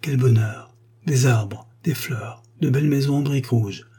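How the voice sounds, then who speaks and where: A man voicing a gentle, grateful poor young girl, speaking softly and earnestly in a slightly raised voice. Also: mid-range voice, unhurried, slightly rough. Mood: joyful. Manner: soft, earnest and tender.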